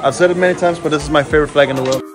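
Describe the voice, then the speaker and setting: A little high-voiced and talking rapid-fire, a travel vlogger in his thirties strolls a busy outdoor market, upbeat and chatty, greeting passersby for his walking vlog. He shoots on a handheld action camera at arm's length. Crowd noise is audible, and a music bed plays beneath his voice.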